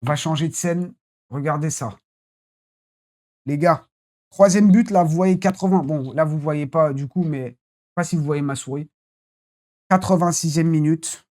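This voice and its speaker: A football channel host giving a casual, rambling live debrief after a match, blunt and quick to swear. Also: mid-range voice, a little mellow.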